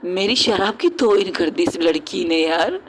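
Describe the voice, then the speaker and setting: Stern, exasperated young woman, played by a woman; lower register, scolding. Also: expressive, measured pace, a little hiss or hum, poor audio. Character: stern, annoyed young woman scolding her drunk partner.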